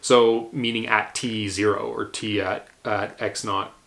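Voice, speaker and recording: A man with a lowish, gravelly voice teaches a university engineering class. He explains step by step, pausing on ums and restarting phrases as he thinks aloud. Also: little pitch movement, a bit bright. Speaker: engineering lecturer. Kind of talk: university lecture.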